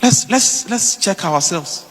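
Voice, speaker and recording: A man with a Nigerian accent delivers a public address in a high-pitched voice. He is emphatic, repeating phrases for rhetorical weight. His words ring with the long reverb of a hall. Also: lively intonation, slow pace, a bit bright, slight background noise. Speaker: public official giving a speech.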